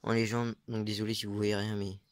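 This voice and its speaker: A man's voice: fairly low pitch, flat delivery, brisk, dry recording. A young man casually showing his metal-detecting finds, talking hesitantly with many fillers and unsure asides. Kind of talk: casual show-and-tell vlog.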